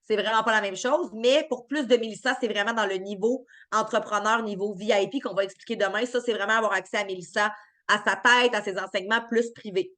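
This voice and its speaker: Her medium-pitched voice is brisk with a fairly bright tone, and she speaks with a Québécois French accent. Chatty and upbeat, she answers viewer questions from a live stream chat, frequently using fillers and restarting sentences.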